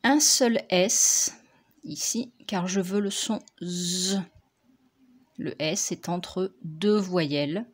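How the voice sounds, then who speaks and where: Woman teacher reading a spelling dictation, super slow and careful, slightly low voice. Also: expressive. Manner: slow, deliberate, over-articulated words for young pupils. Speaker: primary school teacher.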